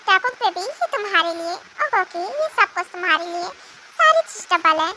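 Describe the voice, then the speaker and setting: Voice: very high-pitched, very animated, normal speed. A fan dubber voicing a patient young husband and father who sounds soothing, indulgent and mildly exasperated. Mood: fond. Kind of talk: amateur fan dub. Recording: noisy home recording.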